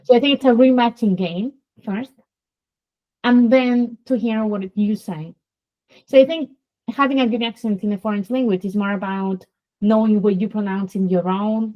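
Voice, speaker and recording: The host, a Spanish teacher and native Spanish speaker, has a medium-pitched voice with a Spanish accent, and the recording's highs are cut off. She lectures about sounds during the interview, demonstrating each one aloud.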